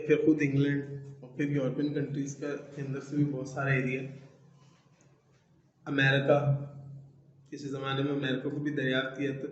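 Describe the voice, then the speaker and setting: A male teacher giving an online lesson, explaining in Urdu-Hindi, reading English sentences slowly and checking in with "theek hai" often. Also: medium pitch. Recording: echoey room, dull lo-fi sound.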